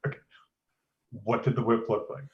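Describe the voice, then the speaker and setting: A man's voice: medium pitch, fairly even intonation, moderate pace, noisy background. A man playing a tabletop game, talking bluntly and casually with some swearing. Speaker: player. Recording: echoey, dull lo-fi mic.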